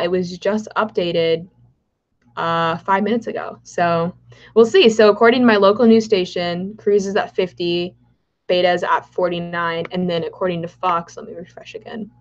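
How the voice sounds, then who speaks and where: This livestream host is a young woman whose voice is fairly low-pitched and steady, moving at normal speed. She has a Californian Valley girl accent and answers viewers casually, with plenty of fillers and false starts. Audio quality is dull and lo-fi.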